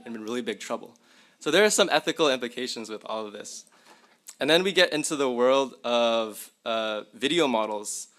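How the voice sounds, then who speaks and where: His medium-pitched voice sounds pushed and bright as this young tech presenter works through live tool demos at a symposium. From a university lecture hall, he addresses the audience directly in an easy, chatty manner.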